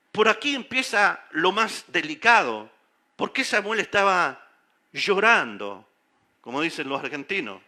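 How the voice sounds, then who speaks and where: Bright high-voiced preaching pastor. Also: male voice. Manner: emphatic preaching with rhetorical questions to the congregation. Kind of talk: sermon. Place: church sanctuary.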